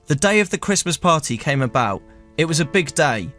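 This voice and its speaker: Man, storyteller, deadpan, slightly high voice, faint music behind. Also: brisk. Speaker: storyteller host. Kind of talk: comic storytelling with banter.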